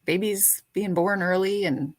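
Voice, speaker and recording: A woman's voice: mid-range voice, fairly even intonation, a little slow. An older woman hosting a casual livestream chat, playful and teasing as she greets viewers by name. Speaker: livestream host.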